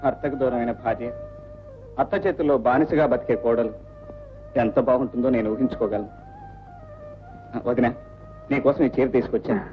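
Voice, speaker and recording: An actor playing an earnest, principled young son in an old film, speaking reproachfully. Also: male voice, mid-range voice, fairly even intonation, normal speed, long pauses, lightly acted. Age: young adult. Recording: dull old film soundtrack with music.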